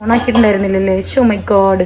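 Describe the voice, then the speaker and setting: A young woman vlogger chats casually through a home cooking vlog in her kitchen, rambling and laughing often. Her voice is medium-pitched, steady, fast and dark, captured on a phone camera.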